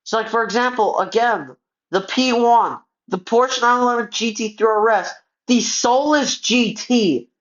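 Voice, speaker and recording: A man's voice: extremely high pitch, a little slow, a bit bright. A man, a gaming YouTuber, ranting in casual commentary, frustrated, filling his talk with "like" and stumbling over words as he restarts them. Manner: frustrated, heavy on filler words. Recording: muffled lo-fi audio.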